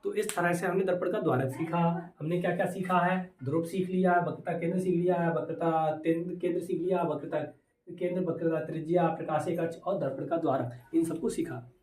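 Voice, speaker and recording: A man's voice: on the high side, steady tone, a little fast, a little mellow, distant mic, slight background noise. A male teacher giving a physics lesson, asking questions and answering them himself, mixing in English terms. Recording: echoey room, voice away from mic.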